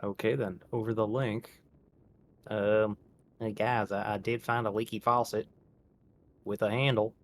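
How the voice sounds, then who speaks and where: A man's voice: lowish voice, flat delivery, measured pace, pauses often. A man playing a tabletop role-playing game, chatting casually in character. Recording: clear background noise.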